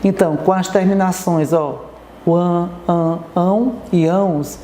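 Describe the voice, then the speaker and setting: Brief: Brazilian woman teacher, TV lesson, mellow low voice, patient and checking in often, echoey room. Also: fairly even intonation, unhurried, a little hiss or hum. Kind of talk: TV classroom lesson.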